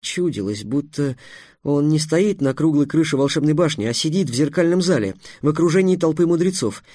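Lively male fairy-tale narrator. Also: fairly high pitch, brisk, no echo, clean studio sound. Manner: animated, dramatic storytelling. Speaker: audiobook narrator.

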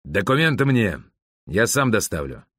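A man voicing a brash, gruff former prince with a commanding manner, in an audiobook. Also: lowish voice, big pitch swings, moderate pace, fairly bright tone, no echo, clean studio sound, exaggerated voice.

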